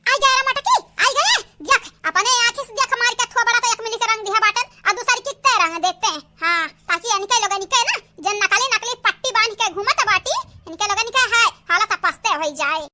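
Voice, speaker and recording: For a homemade comedy cartoon, a woman plays quarrelsome, melodramatic village women, her voice pitched up and carrying an eastern Uttar Pradesh accent while she scolds and exclaims. The delivery is fairly quick with few pauses, and a little hiss or hum sits in the recording.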